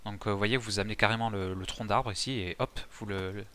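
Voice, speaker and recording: Man, casual gameplay tutorial, chatty, lots of fillers, bright voice, low pitch. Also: steady tone, quick pace, a little hiss or hum. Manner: chatty, many fillers and restarts, mixes English game terms. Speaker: gaming youtuber explaining a survival game. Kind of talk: casual game tutorial commentary.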